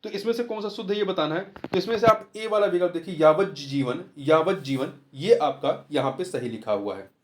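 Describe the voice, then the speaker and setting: A man's voice: a little high, lively intonation, normal speed, hardly any pauses. A man tutoring through a Hindi test paper, explaining each answer step by step and repeating the key words. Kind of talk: test-paper walkthrough lesson.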